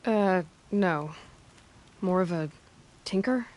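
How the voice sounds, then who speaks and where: A low-pitched, wry young wanderer. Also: female voice, slow, darkish tone. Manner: wry, matter-of-fact. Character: dry-witted, practical young female wanderer with a spear. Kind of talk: video game character dialogue.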